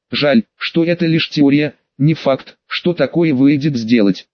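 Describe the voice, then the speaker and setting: A man's voice: a little high, dry recording. Man narrating an audiobook, dry dull sound. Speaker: audiobook reader. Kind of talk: scripted narration.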